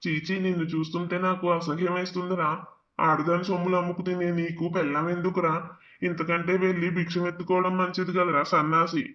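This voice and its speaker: A man's voice: high voice, flat delivery, fast, muffled recording, close to an everyday voice. A man voicing a rude, scornful middle-aged landlord in a cartoon, taunting and insulting. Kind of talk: animated cartoon voice acting.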